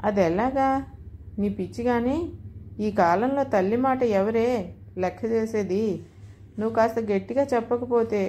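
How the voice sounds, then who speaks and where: A fussy, naive elderly mother-in-law from a storybook, chiding and then begging in a fairly high voice, as a woman narrator puts her on. She scolds easily and muddles things up, yet keeps pressing her case. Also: unhurried, long pauses, mellow, highs cut off, slight background noise, lightly acted. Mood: pleading. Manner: chiding, pleading, easily confused. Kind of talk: storybook dialogue.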